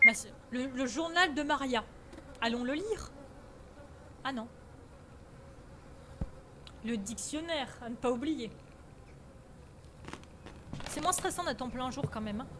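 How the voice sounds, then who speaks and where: Woman with a French accent, high voice, nervous horror-game commentary, steady noise behind. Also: slow, pauses often. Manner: jittery, keeps saying she is scared, swears a lot; reads in-game English aloud with a strong French accent. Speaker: gaming streamer.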